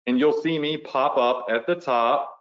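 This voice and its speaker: This is a chatty, casual online training where a man guides viewers step by step and keeps checking in, all while hiccuping. His medium-pitched voice moves at a measured pace, captured in a reverberant, muffled recording.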